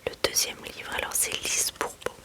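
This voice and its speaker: A woman speaking in a soft library whisper as an ASMR host, presenting books in a chatty way and reading passages aloud. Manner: unhurried, chatty delivery mixed with reading aloud.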